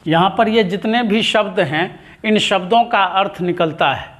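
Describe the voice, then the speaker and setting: A man teaching Hindi grammar in a dictation-style lesson, repeating each term slowly with long pauses between words. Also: high voice, fairly bright tone.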